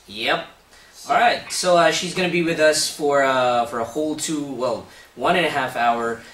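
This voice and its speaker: His voice is on the high side and a bit bright, at a moderate pace. He's a Filipino-accented talk show host conducting a casual interview, full of uhs and hesitation, mixing in some Tagalog. The distant mic adds roomy echo and faint background hiss.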